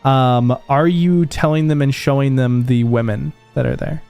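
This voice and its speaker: A man running a tabletop game as game master, narrating in a relaxed way with many pauses and fillers. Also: medium pitch, creaky, clean tone, soft background music. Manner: relaxed, many ums and kind-ofs.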